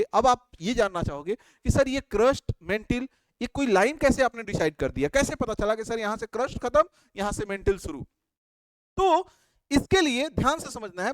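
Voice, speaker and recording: A man's voice: extremely high pitch, clear, resonant tone, no echo. A man teaching at a board, asking questions and answering them himself, repeating key terms like a drill. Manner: drawing on a board while explaining. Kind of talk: whiteboard lecture.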